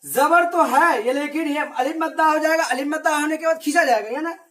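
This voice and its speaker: A man's voice: very high-pitched, fairly bright tone. Man teaching kids a reading lesson. Patient and repetitive, quizzes his class and answers for them. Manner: asks questions and answers them himself; slow, repetitive drilling. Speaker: religious teacher. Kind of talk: Arabic reading lesson for children.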